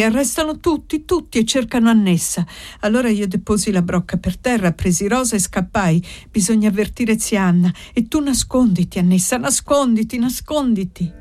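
A woman's voice: mid-range voice, dark tone, no echo, close to an everyday voice. A woman reading aloud voices a panicked young girl who speaks breathlessly and urgently, repeating her warnings.

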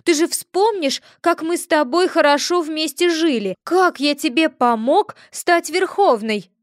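A woman voicing a greedy, excitable male cat familiar who whines and protests loudly. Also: sits high, unhurried, no room sound, clean studio sound, voice pushed up. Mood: indignant. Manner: whiny, indignant, loud.

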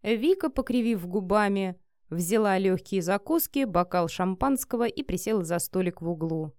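Woman narrator, audiobook, steady even reading, medium pitch, dry close sound. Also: normal speed, dry recording.

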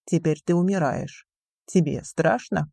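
A cold, scheming young man speaks with slow, sneering contempt, as a woman reader puts him on. The voice sits low and mellow, the dry recording close and plain. The storybook delivery drags each word out. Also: vocal fry, no room sound, exaggerated voice. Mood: scornful.

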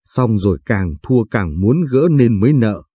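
A tearful, indebted mother begs her child for help, her voice low and dark, as a male narrator reads her lines. The sound is husky and soft-edged, in a dry, close recording. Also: expressive, unhurried, no echo. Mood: pleading. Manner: begging, weepy pleading. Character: desperate indebted middle-aged mother, pleading and tearful.

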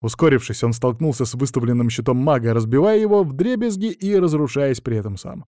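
A man narrating a first-person fantasy audiobook in a steady, even storytelling manner. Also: mid-range voice, a little fast, no echo, studio quality.

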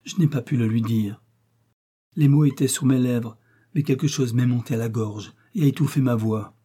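Male reader doing anxious older innkeeper's wife, pleading, mellow and husky. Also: mid-range voice, normal speed, close to an everyday voice. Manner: fretful, pleading. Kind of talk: audiobook character reading.

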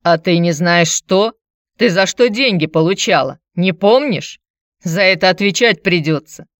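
A woman's voice: on the low side, expressive, a little slow, no echo, clean studio sound. A woman voicing a broke, hard-drinking man who talks in a grumbling, wheedling, pushy way.

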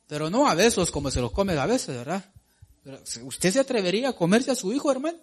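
Emphatic preacher man, slightly high voice. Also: fast, breathy edge. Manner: emphatic, repeats phrases and calls the listeners brother; pitch and loudness swing widely, dropping low then rising to excited cries. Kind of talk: sermon.

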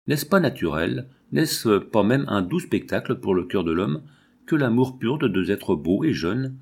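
A melancholy, reflective aging poet, read by a man in an audiobook muses in earnest. His voice sits low. The delivery stays measured and heartfelt. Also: big pitch swings, creaky, slightly rough, heavily acted. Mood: musing. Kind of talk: audiobook reading.

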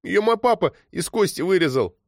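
A man's voice: animated, normal speed, no room sound, studio quality. A man doing a stubborn ten-year-old girl. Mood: upset. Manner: high, pleading and insistent.

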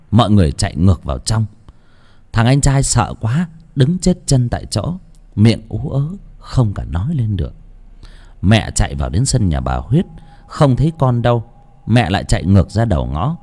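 Brief: male audiobook narrator, warm, dark tone, highly animated delivery. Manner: expressive storytelling with wide swings in pitch. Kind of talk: scripted horror story narration. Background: faint music.

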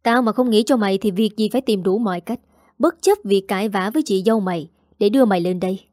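A woman's voice: mid-range voice, fast talker, a little mellow, no room sound, clean studio sound, close to an everyday voice. Woman reading as an irritable young husband. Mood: defensive. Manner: defensive, irritable. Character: frustrated young husband and son.

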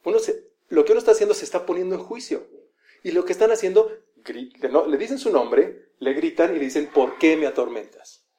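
A man's voice: high-pitched, animated, fast, dark tone. A man preaching a conversational sermon, often acting out quoted voices.

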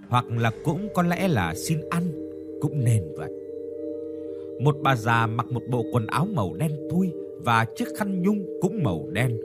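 A man narrates a spooky tale with a very lively, swooping pitch, drawing out the tense moments. Faint music plays softly behind him. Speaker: storyteller. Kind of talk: scripted ghost story narration.

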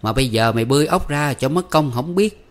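A man voicing a sharp-tongued, scolding middle-aged village mother who nags her grown son. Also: mid-range voice, animated, brisk, voice pushed up, lightly acted. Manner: nagging, scolding.

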